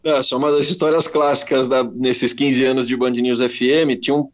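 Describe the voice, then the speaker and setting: A Brazilian sports journalist, a man, telling an animated anecdote in a casual interview, quoting voices along the way. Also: medium pitch, a little fast. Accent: Brazilian Portuguese. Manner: animated anecdote with quoted voices, many restarts. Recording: slightly dull lo-fi audio.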